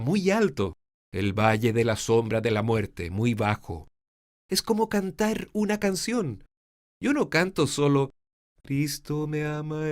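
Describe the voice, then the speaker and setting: A man giving a lecture on preaching, speaking in a clear, measured teaching manner. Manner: demonstrates pitch and volume shifts, swinging from soft to loud. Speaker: preaching instructor. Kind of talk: homiletics lecture with spoken demonstrations.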